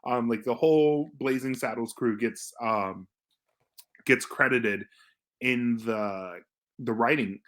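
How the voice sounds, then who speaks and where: Halting man in casual review chat. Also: mid-range voice, a bit bright. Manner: halting, repeats words as he thinks aloud. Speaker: film reviewer.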